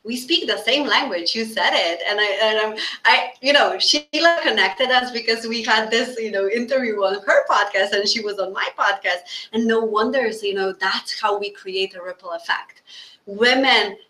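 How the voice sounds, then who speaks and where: A woman hosting a podcast, gushing and halting over her words. Her voice is bright and sharp, and it rings in an echoey room. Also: on the high side. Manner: effusive, halting with fillers. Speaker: podcast host. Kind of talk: interview hosting.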